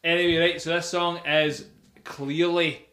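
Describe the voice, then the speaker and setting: A man's voice: a little high, level tone, measured pace, background noise. A young man hosting a casual music podcast, rambling enthusiastically with many fillers. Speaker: podcast host. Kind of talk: casual chat about music. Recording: echoey room.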